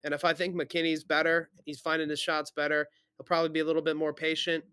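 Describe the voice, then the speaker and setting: A man's voice: fairly high pitch, little pitch movement, fast, sharp tone, clear, resonant tone, dry recording. A man thinking aloud through fight predictions in casual chat, hedging and correcting himself.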